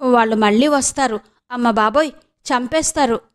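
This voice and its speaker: A woman voicing a stubborn, scheming young woman with a sharp, taunting way of talking. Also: a little high, moderate pace, smooth, close to an everyday voice. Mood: feigned fear.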